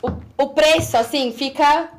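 A woman's voice: high voice, a little slow. A young woman, chatting casually as a guest and rambling a bit. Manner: rambling, loses her train of thought. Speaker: podcast guest. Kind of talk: casual chat.

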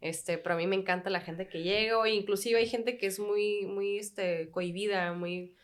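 A young woman from Tijuana, a guest telling bartending stories in a casual, slangy, animated way on a podcast. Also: medium pitch, moderate pace. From Tijuana, Mexico.

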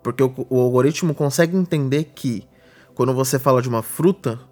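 A Brazilian man of middle pitch talks through a technical subject in casual podcast chat. He explains patiently, leaning on everyday examples. Faint music sits under his voice. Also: a little fast, mellow. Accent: Brazilian Portuguese.

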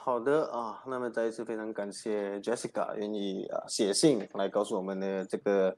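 A man's voice: fairly low pitch, steady tone, normal speed, darkish tone. A man hosting an advice show, talking casually with many fillers. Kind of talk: casual radio talk.

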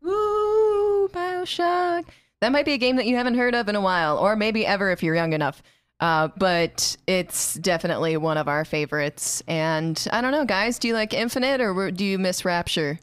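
A woman's voice: lowish voice, brisk, clear, resonant tone, no room sound. A woman in her twenties co-hosting a podcast, bubbly and giggly, poking fun at herself. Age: 20s. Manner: bubbly, giggly, self-deprecating. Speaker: podcast co-host. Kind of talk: casual podcast chat.

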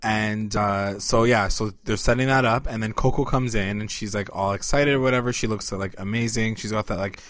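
A man's voice: lowish voice, fairly even intonation, a bit bright, dry recording. A man casually recapping a TV episode with a co-host, loose and chatty with lots of "like". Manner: laid-back, heavy use of "like", quick laughs.

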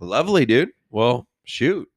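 A man's voice: medium pitch, very animated, a little slow, breathy edge, dry recording. A man co-hosting a podcast in a studio, chatting easily and dropping short joking asides. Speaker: podcast co-host. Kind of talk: casual podcast chat.

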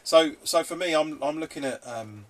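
A man's voice: fairly high pitch, normal speed. A man from England with a southern English accent, chatting informally as a podcast co-host, thinking aloud in a matey way. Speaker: podcast co-host on allotment gardening. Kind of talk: casual chat. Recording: noisy background, rain on roof. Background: rain drumming on the roof.

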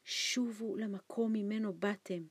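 A woman reading an audiobook, voicing a frightened, starving old man who talks in anxious, hushed pleas. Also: fairly even intonation, breathy edge, no echo, natural voice. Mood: fearful. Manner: anxious hushed pleading, raised pitch. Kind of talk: audiobook character voice.

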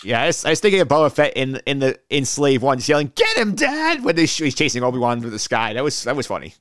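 A young man hosting a podcast, chatting casually and steering the conversation with quick, upbeat remarks. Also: mid-range voice, clear, resonant tone, no room sound, studio quality. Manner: quick, upbeat, wrapping up segments. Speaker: podcast host.

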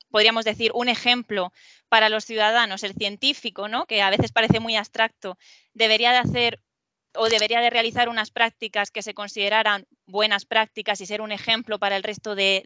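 Bright woman moderating. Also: a little high, fairly even intonation, brisk, dry recording, muffled recording. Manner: thoughtful questioning. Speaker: host. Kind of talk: moderating a panel.

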